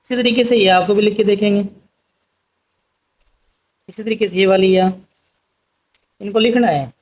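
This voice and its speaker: A man's voice: sits high, unhurried, muffled recording. A man teaching Urdu script, patiently spelling out letters one by one. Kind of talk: slow spoken writing lesson.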